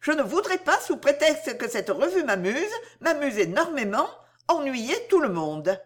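Bijou, a woman voicing a lively naive young girl. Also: sits high, unhurried, pitched above the performer's own voice. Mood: eager playful. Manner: bright, eager and pleading.

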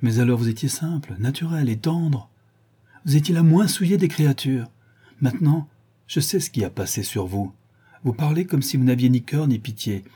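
A man's voice: mid-range voice, animated, normal speed, mellow, breathy edge. A man voicing an earnest, sorrowful male painter in an audiobook, speaking in a grave, reproachful way. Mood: dismayed. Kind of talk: audiobook character reading.

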